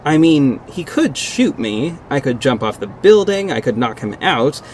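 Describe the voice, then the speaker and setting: A man plays a confident vigilante detective, narrating his own story in the first person and acting out dialogue in an earnest, dramatic audio drama style. The mood is tense and dramatic. His medium-pitched voice swings widely in pitch, moves a little slowly, and there's slight background noise.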